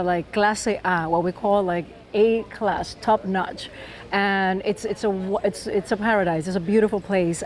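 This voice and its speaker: A woman's voice: mid-range voice, darkish tone, a little hiss or hum. A woman from Puerto Rico with a Puerto Rican accent, a film director talking enthusiastically in a press interview and often restarting her sentences.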